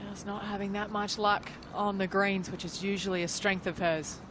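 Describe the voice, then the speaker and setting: A woman gives live golf commentary in a conversational way, with a mid-pitched voice. Outdoor background noise is clearly audible behind her as she follows the play for television. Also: little pitch movement, moderate pace. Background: outdoor ambience.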